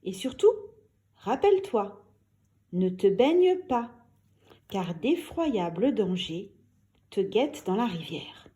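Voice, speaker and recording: Brief: woman playing a cautious mother warning her daughter, firm and caring, lively pitch. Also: slow, pauses often.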